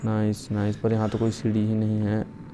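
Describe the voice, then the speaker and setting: A man giving casual, profane let's-play commentary on a horror game, muttering to himself and yelling when startled. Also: fairly low pitch, monotone, moderate pace, background noise. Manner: profane, jokey, mutters quietly then shouts when startled. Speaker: gaming YouTuber playing a horror game.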